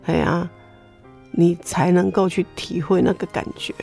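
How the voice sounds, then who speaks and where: An interview guest, a middle-aged woman with a Taiwanese Mandarin accent, recounts her personal faith testimony with animated storytelling and many exclamations. Her lowish voice is unhurried, creaky and husky, and faint music sits in the background.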